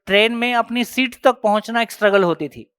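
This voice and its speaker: A man's voice: extremely high pitch, a little fast, fairly bright tone, smooth, in a large hall. A man giving a conversational teaching talk at a workshop, explaining step by step with everyday examples and prodding his listeners with questions. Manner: prods the audience with rhetorical questions.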